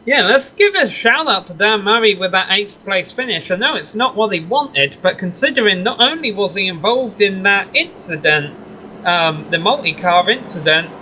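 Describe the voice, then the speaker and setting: A male race commentator with a high, bright and forceful voice, chatty and given to wry asides. He calls the action over a faint hiss of background noise. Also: low-quality recording. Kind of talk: sim racing play-by-play commentary.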